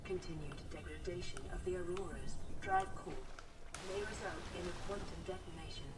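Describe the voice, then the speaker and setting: A woman voicing a gentle care-robot computer. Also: fairly low pitch, animated, moderate pace, heavy background noise, close to an everyday voice. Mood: calm. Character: calm female computer assistant. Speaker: in-game PDA voice. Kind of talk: scripted game voice lines. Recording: roomy, distant game audio under loud music.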